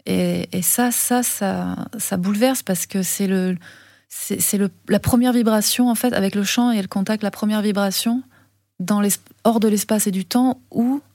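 A French woman, a filmmaker giving an interview, talking with many fillers, pauses and restarts. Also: medium pitch, fairly even intonation, a little mellow, dry recording, studio quality. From France. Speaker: guest filmmaker. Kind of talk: interview conversation.

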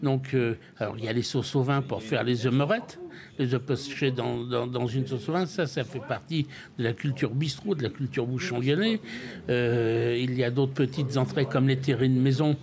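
A man's voice: medium pitch, normal speed, crowd noise. Older man from France, restaurant owner, casual interview, stumbles and repeats words.

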